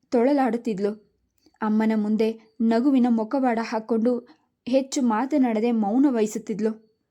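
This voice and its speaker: Woman reading out a sad family story, slow and measured, soft mellow voice. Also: a little high. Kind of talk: scripted story narration.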